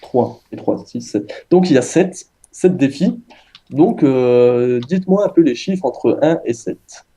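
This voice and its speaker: Animated and warm, this husky mid-range male voice keeps a measured pace. He hosts a casual multiplayer farming game, chatting with friends, talking to viewers and using many hesitant fillers.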